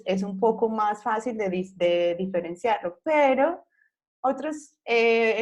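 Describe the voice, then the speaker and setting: Slow, high-voiced teacher. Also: female voice, a little mellow, poor audio. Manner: slow, careful modeling of English pronunciation, switching to Spanish; affectionate with students. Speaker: English teacher. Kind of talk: recorded online class.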